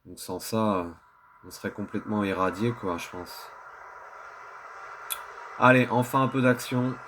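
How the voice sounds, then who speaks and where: A man's voice: lowish voice, unhurried, noisy background. A man giving casual gameplay commentary, thinking aloud in colloquial language as he plays. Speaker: video game streamer.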